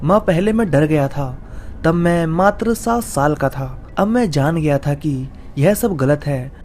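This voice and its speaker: A stubborn, grieving ghost of a young boy, read aloud by a man narrator in a horror storytelling. The voice is raised a little and stays warm and mellow. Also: a little high, expressive, a little slow, slight background noise. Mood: defiant. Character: dead boy's ghost possessing a child, sad, stubborn.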